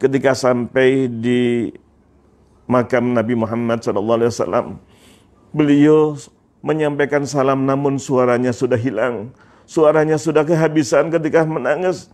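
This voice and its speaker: A preacher from Indonesia telling a moving story in an emotional sermon, repeating phrases with feeling. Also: male voice, mid-range voice, steady tone, moderate pace, pauses often, a little mellow. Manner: repetitive, emotive narration with religious phrases.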